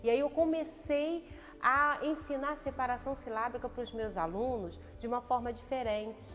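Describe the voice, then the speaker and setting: A woman's voice: fairly high pitch, fairly bright tone. Reflective woman speaking with long reverb. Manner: reflective, tells a personal story to explain a point. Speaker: church devotional speaker, former schoolteacher. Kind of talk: personal devotional talk. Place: church. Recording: long reverb with faint background music.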